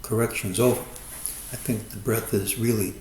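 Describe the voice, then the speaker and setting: A man with a lowish, slightly mellow voice and fairly even intonation talks through a stock chart and gives his market forecast in a monologue. He speaks in a measured, hedging way, weighing every possibility. The recording has a roomy echo and a faint ambient hum.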